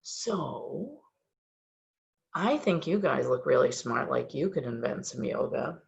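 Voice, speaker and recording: A woman leading a children's yoga class, giving gentle, encouraging step-by-step instructions. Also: very deep voice, expressive, normal speed, gravelly. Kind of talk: guiding a kids' yoga class. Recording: distant, very echoey, dull-sounding room recording.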